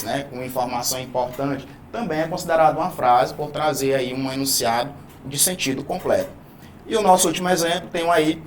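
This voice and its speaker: A man with a slightly high voice teaches a Portuguese grammar video lesson, with a little hiss or hum in the audio. He explains patiently and didactically, stretching out key words and frequently checking in with "né?" and "tá?".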